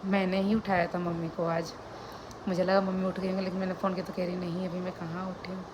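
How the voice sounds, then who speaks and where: A young woman with a lowish voice talks quietly and gently to her viewers, chatting casually about her day. The home recording carries a clear hum of noise behind her. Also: little pitch movement. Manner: speaks softly and slowly during a fast. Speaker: family vlogger. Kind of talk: casual vlog talk to camera. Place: home indoors.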